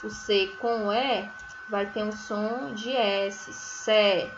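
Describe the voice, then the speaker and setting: A woman teaching a recorded first-grade phonics lesson, sounding out syllables slowly and often checking in with tags. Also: medium pitch, fairly even intonation, lo-fi sound, background noise. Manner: slow, drawn-out syllables, sounding words out; frequent checking tags like "né?" and "certo?". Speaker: primary school teacher.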